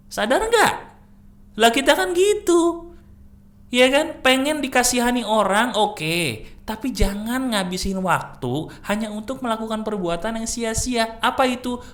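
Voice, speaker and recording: A man's voice: high voice, fairly bright tone. A man hosting a motivational channel, giving an emphatic, preachy talk in a casual tone. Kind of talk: motivational monologue.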